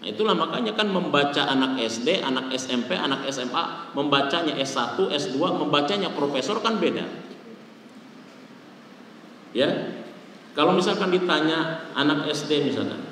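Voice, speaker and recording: A man gives an Islamic talk with a fairly high voice that jumps up as he acts out questions. His voice comes from a distance in a big, booming hall. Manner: lively, animated, acts out questions and answers in quick voices. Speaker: Islamic preacher. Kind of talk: mosque talk. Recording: echoey hall, distant mic, faint room noise.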